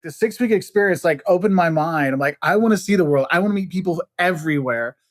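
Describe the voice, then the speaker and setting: Clean studio audio without room sound captures a high, fast voice belonging to a middle-aged travel expert from Illinois, United States. He is an interview guest who chats casually, animating his stories and acting out the quoted lines.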